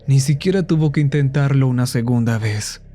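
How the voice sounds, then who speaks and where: A man narrating a horror story in a slow, somber storytelling manner. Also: mid-range voice, mellow.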